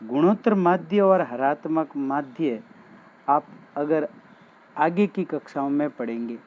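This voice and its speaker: A male maths teacher giving a classroom lesson, talking straight to his students and explaining each step. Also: on the high side. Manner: addresses students directly, slow and explanatory. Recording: dull lo-fi sound with faint background noise.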